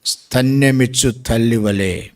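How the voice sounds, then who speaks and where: An older man preaching a sermon, emphatic and rising to shouts at key points. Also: mid-range voice, a little slow.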